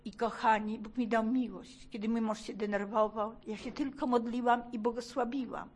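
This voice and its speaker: Middle-aged woman, kinda high voice, emotional church testimony, keeps repeating stuff with real urgency. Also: fairly even intonation, moderate pace, darkish tone. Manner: fervent, emphatic, repeats urgent phrases. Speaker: testimony speaker. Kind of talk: emotional religious testimony to a congregation.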